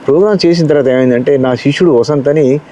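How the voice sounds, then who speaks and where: A man's voice: fairly high pitch, fast. A man, a mimicry artist telling stories animatedly in an interview. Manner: animated storyteller who often acts out quotes. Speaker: mimicry artist and ventriloquist guest. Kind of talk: casual storytelling interview.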